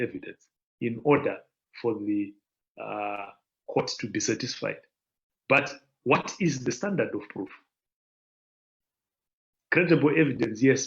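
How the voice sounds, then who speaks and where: A man presenting as a law panelist in an online panel, explaining points in a measured, lecturing way over a video call. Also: mid-range voice, creaky, muffled recording.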